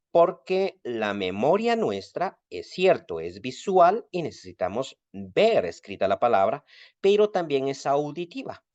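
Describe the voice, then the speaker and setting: A man giving a recorded lesson as a Biblical Greek teacher, explaining clearly and stressing key words. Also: mid-range voice, no room sound. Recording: dry, slightly dull recording.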